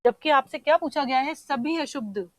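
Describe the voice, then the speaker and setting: A woman teacher works through an exam paper in a fairly high voice. She explains each answer patiently, stops to check that students follow, and sounds tricky words out slowly. The sound is dry and close, with little room around it. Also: no room sound, poor audio. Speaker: Hindi teacher.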